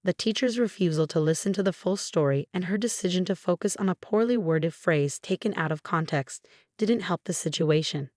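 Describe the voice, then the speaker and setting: A woman reading online forum posts aloud as scripted narration, in an even, measured delivery with no fillers. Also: lowish voice, no room sound, clean studio sound. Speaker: story narrator.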